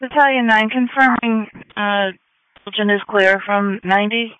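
A man's voice: high voice, steady tone, normal speed, pushed and bright, clean tone, dry recording. A man working as an emergency dispatcher, giving clipped, procedural acknowledgements over a dull radio channel.

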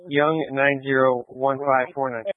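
A male police officer calls in traffic stops and spells out plates in a flat, matter-of-fact way. His voice comes through a narrow, phone-like radio band. The sound is dry and close. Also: medium pitch, a little slow, no echo. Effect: heard over a phone-like radio channel.

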